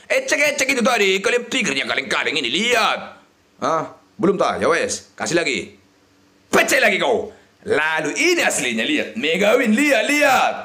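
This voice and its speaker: Gravelly man yelling at slot reels. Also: a little high, sing-song, moderate pace. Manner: shouting and chanting at the reels, swinging between yelling and mutters. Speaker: slot game streamer. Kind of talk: excited live slot-game commentary.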